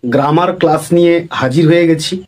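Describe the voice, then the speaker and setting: Man, grammar teacher, fairly high voice, board lesson, slow careful English definitions. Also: fairly even intonation, a little mellow, poor audio. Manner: explains in Bengali, mixing slow English definitions; calls the viewers "friends".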